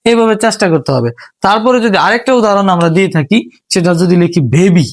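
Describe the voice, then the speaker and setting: A man's voice: high-pitched, fast, no echo. A man teaching English reading, patiently sounding out words syllable by syllable. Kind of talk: spoken lesson.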